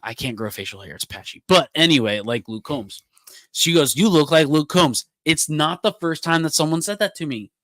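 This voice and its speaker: A young man, co-hosting a casual podcast and telling animated stories with frequent laughs. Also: fairly high pitch, brisk, dry recording. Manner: animated storyteller, laughs often. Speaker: podcast co-host. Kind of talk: casual chat.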